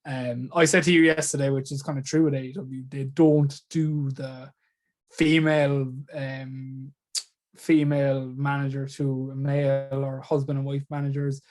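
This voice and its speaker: A man's voice: medium pitch, flat delivery, measured pace, a little mellow. A man, co-hosting a podcast, talking bluntly and repeating himself for emphasis. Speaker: podcast co-host. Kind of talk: casual chat.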